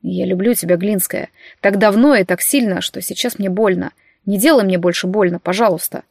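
A woman voicing a teasing young-adult man who talks low, slow and calm in an audiobook story. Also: no echo, clean studio sound, natural voice. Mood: tender.

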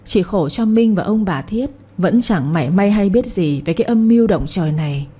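A woman narrating a story in a calm, measured audiobook style. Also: mid-range voice, husky.

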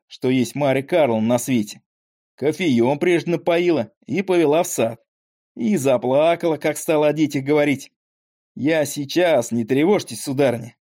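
A man's voice: mid-range voice, normal speed, mellow, close to an everyday voice. A man voicing a frail, talkative old father with a weak voice and rambling folksy speech, in an audiobook. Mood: grumbling, chatty.

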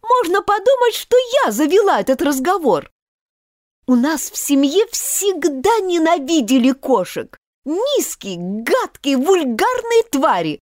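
A woman's voice: sits high, sing-song, unhurried, no echo, clean studio sound, pitched above the performer's own voice. A woman reading an audiobook and voicing a touchy, indignant female mouse who talks in a huffy, trembling way. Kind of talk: audiobook character voice.

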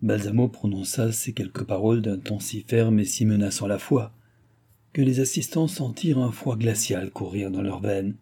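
A man narrating a classic novel in a measured, literary reading. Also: fairly low pitch, mellow, slightly rough. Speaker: audiobook narrator.

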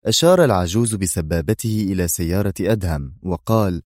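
Low-voiced male audiobook narrator. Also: lively intonation, a little mellow, dry recording, studio quality. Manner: measured storytelling.

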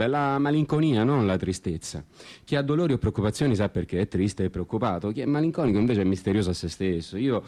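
A radio theatre storyteller performs a brooding, ironic literary monologue over guitar music. His fairly low voice carries a dark tone, and the delivery is openly theatrical.

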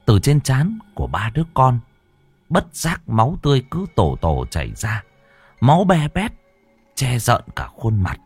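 A man narrating a horror story in a slow, dramatic, ominous manner. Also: mid-range voice, slightly rough, no echo.

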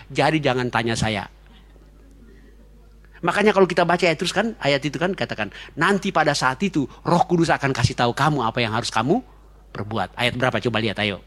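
A man preaching a sermon as pastor, fast-talking and joking, chatty with his congregation. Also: a little high, fairly bright tone. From Indonesia.

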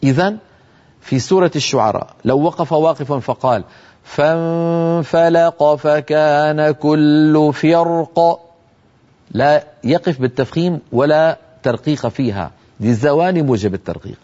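A man teaching Quran recitation rules in a televised lesson, explaining calmly and chanting the examples slowly. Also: mid-range voice, slightly rough, highs cut off. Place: television studio.

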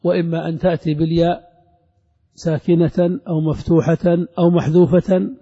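A man teaching classical Arabic grammar, reciting verse lines and examples slowly before explaining them. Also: fairly high pitch, flat delivery, warm tone, husky, long reverb tail, highs cut off.

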